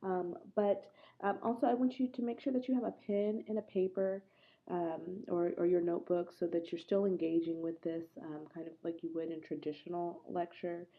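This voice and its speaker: A woman's voice: fairly low pitch, level tone. Woman lecturing from the bottom of a well. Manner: conversational and earnest, often pausing to ask the class questions. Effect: hollow, muffled sound as if at the bottom of a well. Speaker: instructor. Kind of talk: recorded online lecture. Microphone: laptop microphone. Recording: muffled lo-fi laptop recording.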